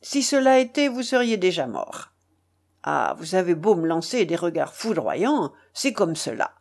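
A woman voicing a cold, ferocious male pirate in a storybook reading, calmly menacing and sneering. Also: fairly low pitch, measured pace, vocal fry, exaggerated voice.

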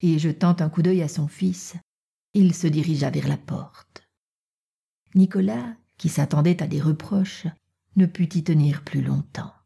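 Soft, breathy woman narrator. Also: low-pitched, a little slow. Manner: soft, often half-whispered reading. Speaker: audiobook narrator. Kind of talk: scripted narration.

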